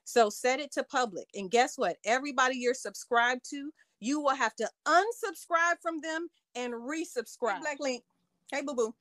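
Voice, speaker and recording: A woman's voice: high voice, moderate pace, fairly bright tone, dry recording. A middle-aged woman hosting a casual livestream, playfully teasing and talking straight to her viewers. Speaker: livestream host.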